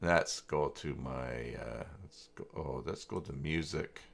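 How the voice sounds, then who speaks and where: Muttering hesitantly while he hunts around the screen, a male live stream host walks through website software in a casual screen-share tutorial, thinking aloud. He speaks in an unhurried, creaky low register, casual and tentative.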